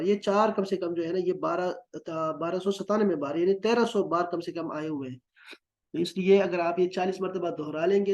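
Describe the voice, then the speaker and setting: High-voiced guy w/ teaching quran arabic, patient, drills words over and over. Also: a little mellow. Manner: patient, repetitive drilling with gestures. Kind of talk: recorded lesson.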